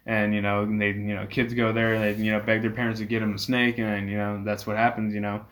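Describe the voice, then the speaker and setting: Low-pitched man chatting casually as a guest. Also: level tone, fairly quick, a bit bright, low-quality recording. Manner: rambling, peppered with "you know". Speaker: interview guest, reptile rescue owner. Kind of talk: casual explanatory chat.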